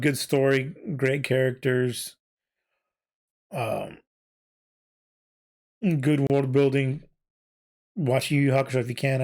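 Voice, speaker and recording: A man hosting a casual solo podcast, rambling with many fillers and self-corrections while he is losing his voice. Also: mid-range voice. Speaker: podcast host and VTuber.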